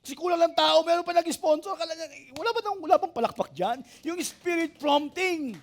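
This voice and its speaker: A man, a pastor preaching an animated sermon, asking the congregation for amens and joking with them. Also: very high-pitched, a little fast. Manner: animated preaching, asks the church for amens and jokes with it.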